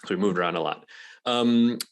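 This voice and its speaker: A man's voice: lowish voice, a little fast, clear, resonant tone. A man from Malaysia, a guest on an interview podcast, talking casually with many ums and restarts. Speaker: guest, venture investor.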